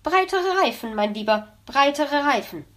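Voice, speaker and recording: A woman's voice: high-pitched, lively intonation, moderate pace, pitched above the performer's own voice. Woman doing a prim know-it-all magpie lady. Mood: prim, bossy. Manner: bossy, lecturing.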